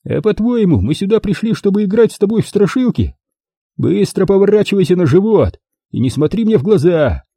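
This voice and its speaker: A swaggering, sneering detective sidekick, as a male reader puts him on in a lively, husky, dark-toned voice pitched well above the reader's own. His threats swing up and down with mocking bravado, recorded close and dry like a studio audiobook. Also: fairly quick, dry recording, exaggerated voice. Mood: menacing. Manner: mocking, menacing bluster.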